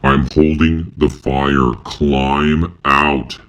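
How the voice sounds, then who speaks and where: A man narrating an audiobook voices a young man turned into a fire-filled monster, snarling harsh commands in a deep monstrous growl. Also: flat delivery, extremely slow, fairly bright tone, full character voice.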